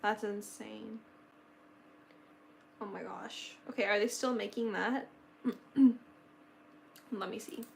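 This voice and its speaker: This late-teen livestream host speaks in a mid-range, gravelly voice, taking it slowly with a steady tone and frequent pauses, and a slight hiss or hum sits under the audio. Still, she's bubbly and gushing, rambling with lots of fillers. Her voice is slightly giving out.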